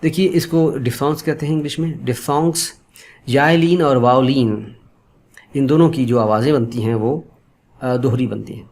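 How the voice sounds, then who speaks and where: A man giving an online pronunciation lesson, explaining patiently and repeating example sounds slowly, politely addressing viewers as friends. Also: medium pitch, a little mellow. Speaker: Urdu pronunciation teacher.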